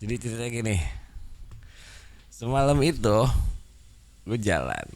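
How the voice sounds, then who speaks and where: A man's voice: mid-range voice, sing-song, measured pace, a little mellow. A man chatting casually to camera, rambling in slang and bantering with a child nearby. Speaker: content creator.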